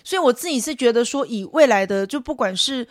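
Brief: Taiwanese woman co-host, 30s, animated and laughing, rapid delivery. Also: fairly high pitch, dry recording, clean studio sound. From rural Taiwan. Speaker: podcast co-host, mother. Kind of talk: casual chat mixing Hokkien and Mandarin.

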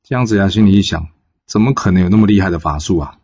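A man casually narrating a classic folk tale in a relaxed, filler-heavy way. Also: low-pitched, quick pace, slightly rough, lo-fi sound. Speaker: storyteller.

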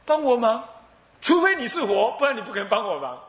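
A man's voice: very high voice, very animated, rapid-fire, reverberant, pitched above the performer's own voice, exaggerated voice. A male preacher voicing a miserable, self-pitying elderly man who whines and pleads in a raised voice. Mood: doubtful. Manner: whiny, pleading, crying out.

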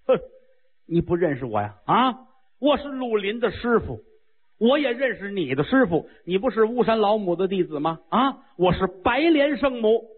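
Haughty old immortal woman, slow and scolding, voiced by a male storyteller; husky, tinny radio sound. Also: high voice, sing-song, heavily acted. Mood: stern. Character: elderly female Taoist immortal, stern and haughty.

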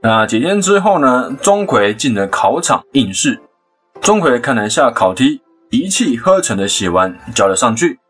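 Man, Taiwanese Mandarin accent, podcast storyteller, lively pitch, husky voice, faint music behind. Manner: chatty, animated retelling with quick asides and laughs.

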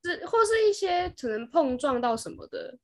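A young woman with a Taiwanese Mandarin accent, co-hosting a podcast and telling a story in an animated way, briefly acting out the people in it. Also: very high-pitched, normal speed. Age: young adult. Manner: animated storyteller who briefly acts out kids and parents. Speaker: podcast co-host. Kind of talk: casual chat.

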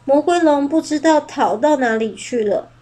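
A woman reading a children's picture book aloud in a gentle, expressive way. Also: sits high, moderate pace. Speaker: storyteller.

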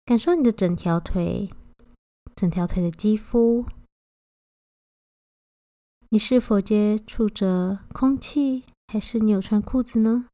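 A woman guiding a body-scan meditation, giving gentle, unhurried instructions with long pauses between phrases. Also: medium pitch, dry recording. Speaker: meditation guide.

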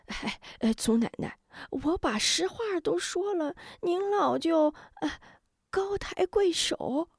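A woman's voice: fairly high pitch, very animated, unhurried, no echo, clean studio sound, voice pushed up, exaggerated voice. A woman voicing a cowardly male henchman who grovels and stammers, full of nervous fillers. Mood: pleading, panicky.

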